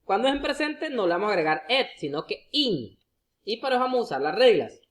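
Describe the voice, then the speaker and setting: A patient teacher works through spelling rules one by one, saying each example word twice and pausing with small hesitations. The tone is explanatory and unhurried, with frequent direct asides to the viewer. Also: mid-range voice, big pitch swings. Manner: addresses the viewer directly, often with a coaxing "look". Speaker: English teacher. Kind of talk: explaining grammar rules to students.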